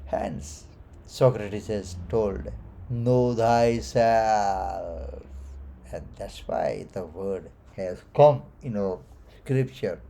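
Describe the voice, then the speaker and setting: A man's voice: deep voice, animated, slow, creaky. A man teaching a scripture class in a temple hall, explaining verses and chuckling often as he talks. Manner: chuckles often while explaining, with gentle emphasis.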